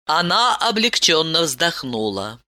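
A woman narrating an audiobook in a measured, emotive storytelling way. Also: sits low, sing-song, bright, forceful tone.

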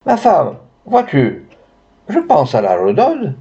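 A man voicing a slow, ponderous middle-aged peasant farmer who speaks solemnly. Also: a little high, huge pitch swings, creaky, warm tone, voice pushed up, exaggerated voice. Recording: dull lo-fi recording.

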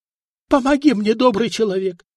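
A man's voice: very high voice, moderate pace, a little mellow, no echo, clean studio sound, pitched above the performer's own voice. A man voicing a terrified male usurer who pleads desperately through chattering teeth. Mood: pleading.

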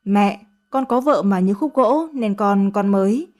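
A woman's voice: medium pitch, unhurried, darkish tone, lightly acted. A woman voicing a spoiled young master who answers in short, offhand lines. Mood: defensive.

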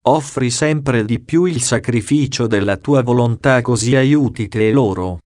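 A gentle, grave ghost of a young woman speaks in a slow, hushed way, as a male reader gives her lines. The voice stays at a plain middle pitch, in a storybook reading, recorded dry and close. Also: no room sound, natural voice. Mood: solemn. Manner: slow, quiet and solemn.

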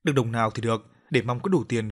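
A man narrating a horror audiobook in a steady storytelling read. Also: mid-range voice, fast.

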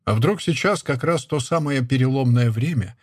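A man narrating a literary novel in a measured, even storytelling manner. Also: mid-range voice, breathy edge, no room sound, studio quality.

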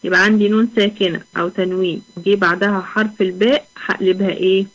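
A young woman with an Egyptian accent teaching a Quran recitation lesson online. She talks patiently, asks questions and answers them herself, and draws out the example words slowly. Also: mid-range voice, little pitch movement, low-quality recording. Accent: Egyptian Arabic.

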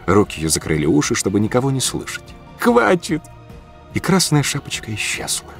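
Low-voiced male audiobook narrator. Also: faint music behind. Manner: calm, measured storytelling. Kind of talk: scripted first-person narration.

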